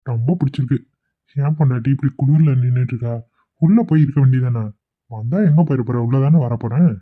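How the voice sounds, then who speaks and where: A man's voice: mid-range voice, fast talker, no room sound, natural voice. A man voicing an earnest, caring young husband in a cartoon. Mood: tender. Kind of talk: cartoon voice acting. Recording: thin phone-like recording.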